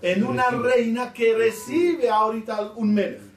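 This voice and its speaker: Middle-aged rabbi quizzing a class, echoey room. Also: male voice, extremely high pitch, fairly even intonation, a little slow. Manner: quizzes the class with questions and waits for answers. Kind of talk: Torah class lecture. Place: classroom with students. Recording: echoey room, mic at a distance, faint hiss.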